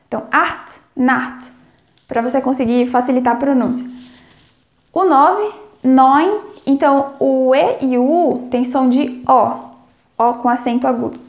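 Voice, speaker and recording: A woman teaching German numbers in Portuguese, explaining clearly and slowing down to model each word's pronunciation. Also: sits high, reverberant. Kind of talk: language lesson.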